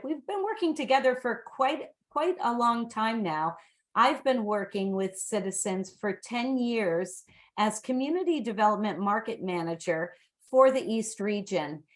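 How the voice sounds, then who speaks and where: Enthusiastic woman giving sponsor remarks. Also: mid-range voice. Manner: enthusiastic, warm praise with fillers. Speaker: sponsor representative. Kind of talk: welcome remarks on a video call.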